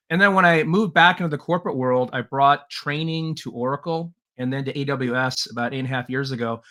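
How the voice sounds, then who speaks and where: The voice is slightly high, pushed and bright: a middle-aged leadership trainer from Taiwan appearing on a podcast to share his life story. His telling is earnest and relaxed, full of "uh" fillers and gentle laughs.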